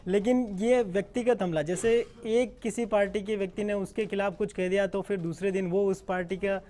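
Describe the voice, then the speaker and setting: Skeptical man with a high voice. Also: steady tone, moderate pace, warm tone. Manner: skeptical, challenging. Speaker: panel guest. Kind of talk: televised debate argument.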